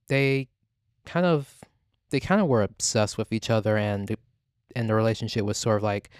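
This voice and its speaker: Low-voiced man chatting casual celebrity gossip. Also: smooth, dry recording, clean studio sound. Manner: rambling, halting, heavy use of "like". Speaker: podcast host.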